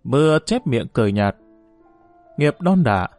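A man narrating an audiobook novel in a steady storytelling manner. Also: medium pitch, measured pace, faint music behind.

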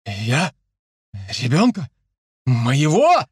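A man's voice: on the high side, very slow, slightly rough, no echo, studio quality, full character voice. A man doing a stunned, overjoyed young father-to-be. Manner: excited, shouting in a loud whisper.

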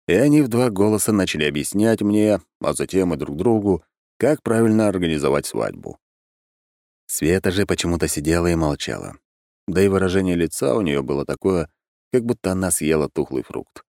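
A man's voice: low-pitched, lively intonation, a little fast, darkish tone, no room sound, clean studio sound. A man narrating a first-person audiobook in a wry, conversational way.

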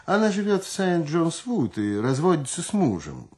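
Brief: male reader as a sly old fortune-teller woman, high sing-song voice, lively lilt. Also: moderate pace. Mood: nonchalant.

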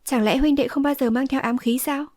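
A woman's voice: sits high, steady tone, brisk, darkish tone, no echo, pitched above the performer's own voice. A woman reading a modest, upright young male swordsman who speaks politely, in a dry close recording. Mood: curious.

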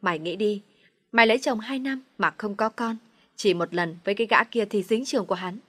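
A woman reading a storybook, voicing a blunt, excitable young woman who comforts her friend. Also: mid-range voice, a little fast, no echo, lightly acted. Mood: excited. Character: young woman, brash, emotional loyal friend.

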